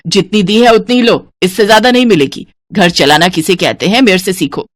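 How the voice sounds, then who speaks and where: A woman's voice: medium pitch, brisk, no echo, natural voice. Woman voicing a stingy scheming mother-in-law. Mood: scolding. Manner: penny-pinching, scolding, bossy. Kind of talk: cartoon voice acting.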